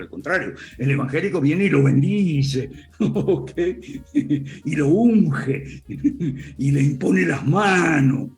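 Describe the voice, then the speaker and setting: A man's voice: mid-range voice, darkish tone. An older man from Argentina with an Argentine Spanish accent, giving a conversational virtual lecture, dotting his talk with "eh" and "¿ok?" and little chuckles. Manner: frequent "eh" and "¿ok?" tags, chuckles while talking.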